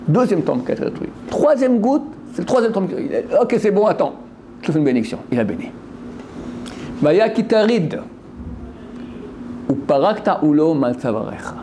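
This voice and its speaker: Animated man teaching a religious lesson. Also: fairly high pitch, a little hiss or hum. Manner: animated, asks and answers his own questions; quotes verses then translates them. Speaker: Torah teacher.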